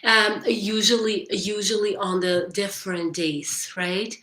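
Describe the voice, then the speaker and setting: A woman's voice: mid-range voice, level tone, slow pace, bright, forceful tone, roomy sound. A woman hypnotherapist talking on a live stream and answering viewers' chat, who often ends sentences with "right?" and restarts her phrases.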